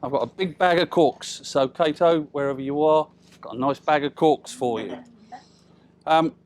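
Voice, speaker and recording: A British man in middle age speaks in a notably high register. He is giving an informal father-of-the-bride speech, chatting and teasing, leaving pauses and tacking questions onto his remarks. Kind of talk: informal humorous wedding speech.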